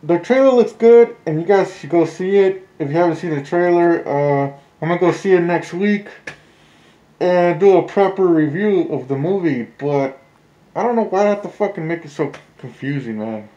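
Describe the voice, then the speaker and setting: A man's voice: high-pitched, expressive, moderate pace, warm tone. A man speaking through a face mask, muffled, chatting casually and rambling as a vlogger, with some swearing. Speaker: vlogger reviewing film trailers. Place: small indoor room with blinds. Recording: dull, muffled, roomy home recording.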